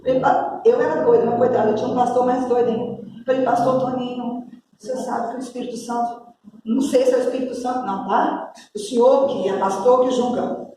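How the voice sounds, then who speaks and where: A Brazilian woman pastor preaching a sermon, telling a story with lively acted-out dialogue. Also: on the high side, a little fast, slight background noise. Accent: Brazilian Portuguese. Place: church hall. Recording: echoey church hall, distant mic.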